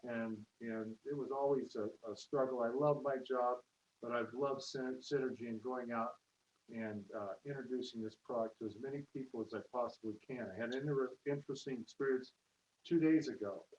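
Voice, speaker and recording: This network marketer's voice is medium-pitched, steady and a little mellow, moving fairly quickly. He rambles casually through testimonial stories for a room at an open house, quoting people in raised voices. The livestream audio is distant, roomy, lo-fi and hissy.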